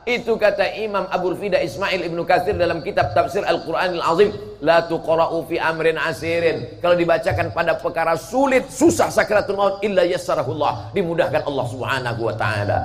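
A man preaching a sermon at a mosque gathering, jokey and animated, swinging from loud shouts to near-whispers. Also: fairly high pitch, brisk, few pauses. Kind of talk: sermon at a mass religious gathering. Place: mosque event.

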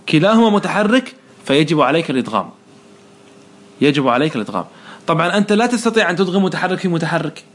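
Man, teacher, fast talker, higher voice, quizzing a student, patient. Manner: patient, drills the student with questions and praise. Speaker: teacher of Arabic morphology. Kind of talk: one-on-one lesson, question and answer.

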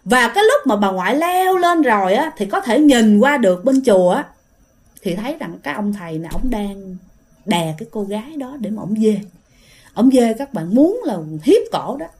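A woman's voice: a little high, big pitch swings, moderate pace, darkish tone. A woman with a Southern Vietnamese accent telling a ghost story in a chatty, casual way, often speaking to her listeners directly.

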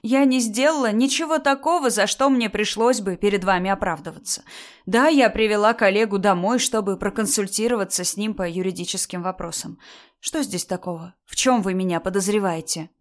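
Woman doing a firm young mother, stern and steady; storybook read-aloud. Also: medium pitch, fairly quick, lightly acted. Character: firm young mother standing her ground.

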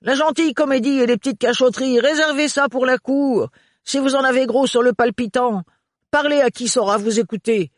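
A man's voice: very high voice, a little fast, dry recording, clean studio sound, voice pushed up. A man voicing a big, good-hearted male servant with blunt, folksy working-class speech. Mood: hearty.

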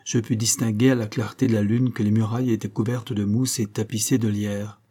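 A man reading a classic story aloud in a measured, even narrating manner. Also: on the low side, husky. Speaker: audiobook reader. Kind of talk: scripted literary narration.

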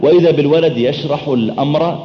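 A middle-aged male preacher delivers a sermon at a quick clip, acting out his anecdotes with lively turns of voice. His voice sits a little high. The recording is dull and lo-fi, and it carries the long echo of a large hall. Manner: animated, acts out dialogue, chants verses slowly. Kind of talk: sermon storytelling. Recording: echoey hall, dull lo-fi sound.

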